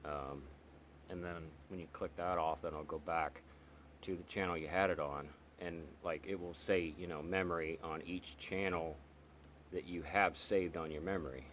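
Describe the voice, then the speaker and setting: A radio enthusiast casually explains, step by step, the features of a radio he's reviewing. His voice sits low yet sounds fairly bright and steady, though his speech halts with many ums, pauses, and restarts amid slight background noise.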